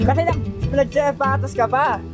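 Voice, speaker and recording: Very high-voiced woman calling out at a river. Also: slow pace. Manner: playful, calls out and teases the others. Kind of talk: casual group chat. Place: outdoors at a river. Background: background music.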